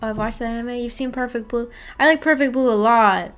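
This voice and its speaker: Slightly high-pitched and a bit bright, this woman streamer talks a little fast with fairly even intonation. She's casually chatting on a livestream, reading and responding to viewer messages in a giggly, teasing, slangy way.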